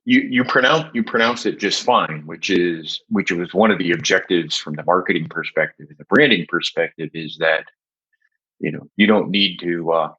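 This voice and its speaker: Older male guest, deep husky voice, deliberate filler-heavy delivery, muffled lo-fi recording. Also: fairly bright tone. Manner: measured, with frequent "uh" fillers. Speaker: guest, software agency founder. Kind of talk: podcast interview answers. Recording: dull lo-fi audio.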